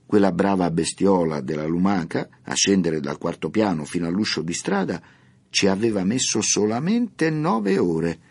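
Expressive low-voiced male storyteller. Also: normal speed, slightly rough. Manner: expressive, lively storytelling intonation. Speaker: narrator. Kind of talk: storybook narration.

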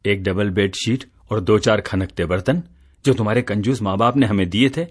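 A man's voice: on the low side, moderate pace, slightly rough. An actor playing a tired office-going husband who teases and scolds his wife, in a radio play. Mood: teasing. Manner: teasing, exasperated, lively. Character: teasing middle-aged husband, tired office worker.

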